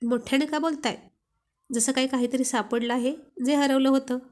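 A woman's voice: high-pitched, steady tone, moderate pace, darkish tone, natural voice. A woman voicing a shy, loving young wife who speaks bashfully and affectionately. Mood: bashful, teasing.

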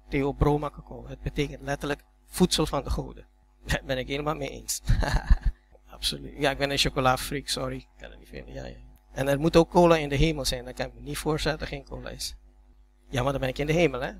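A man's voice: fairly high pitch, creaky, fairly bright tone, a little hiss or hum. A man preaching a sermon in a church, telling stories in a conversational way that builds to emphatic peaks, often repeating words as he restarts. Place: church hall.

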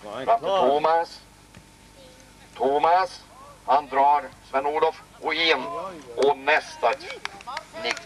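Outdoors at a local football match, a man gives live play-by-play, excitedly shouting out player names. His mid-range voice is picked up from a distance.

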